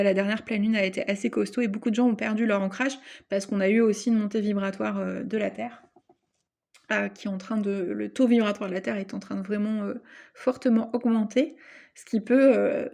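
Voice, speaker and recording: A woman's voice: medium pitch, fairly even intonation, a little fast, vocal fry, mellow. A woman doing a casual oracle card reading, hesitating often with fillers and self-corrections, reading card texts aloud between her comments. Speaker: card reader.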